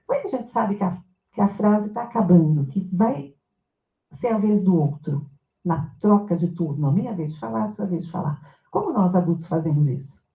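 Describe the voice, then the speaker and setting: Woman lecturer, engaging and questioning, recorded in an echoey amphitheater. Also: on the low side. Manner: engaging, asks the audience questions. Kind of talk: academic lecture. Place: university amphitheater. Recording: echoey hall, tinny phone-like sound.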